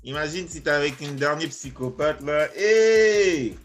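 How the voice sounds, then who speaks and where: Dude hosting a game chat, english slang everywhere, music low in the back. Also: male voice, unhurried. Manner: mixes English slang into French, hype-man energy. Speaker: host.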